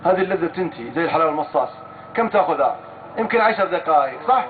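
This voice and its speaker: A man's voice: a little high, expressive, very fast. A man preaching a sermon with a Saudi Gulf accent, telling stories and speaking emphatically, often swearing oaths and addressing the crowd directly. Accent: Saudi Gulf Arabic. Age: adult with a young daughter. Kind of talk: sermon with storytelling. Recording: tinny lo-fi phone-like recording with faint hiss.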